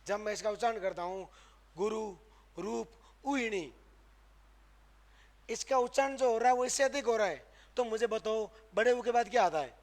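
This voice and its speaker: A man's voice: high-pitched, fast talker. A man. He lectures in an emphatic way, putting questions to the room and answering them himself before moving on. He repeats sounds with extra stress so the students can hear the difference. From Rajasthan, India. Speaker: Hindi grammar teacher. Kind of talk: classroom lecture. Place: classroom.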